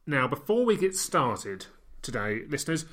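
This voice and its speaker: A man's voice: mid-range voice, sing-song, normal speed, a bit bright. A man from the UK co-hosting a casual history podcast, joking and playing up grand ideas. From United Kingdom. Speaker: podcast co-host.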